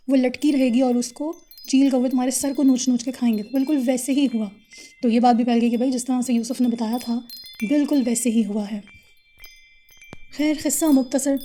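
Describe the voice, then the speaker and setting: A woman's voice: high-pitched, mellow. A woman casually narrating a religious story, retelling each scene in simple conversational words with the odd filler and self-correction.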